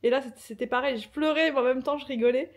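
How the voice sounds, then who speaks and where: Chatty young woman vlogger, slightly high. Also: fairly even intonation, fast. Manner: chatty, laughs while complaining. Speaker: family vlogger. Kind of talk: casual vlog chat.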